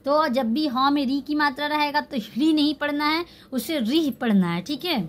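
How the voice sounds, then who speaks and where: A woman's voice: high voice, normal speed, slight background noise. A woman teaching a language class, patiently spelling out words syllable by syllable and repeating each one. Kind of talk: slow spelling-out lesson.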